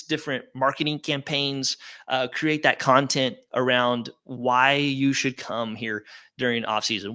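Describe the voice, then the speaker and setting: Upbeat casual man with a bright voice. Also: mid-range voice. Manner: casual, upbeat, conversational with fillers. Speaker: webinar presenter. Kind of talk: live webinar with audience Q&A.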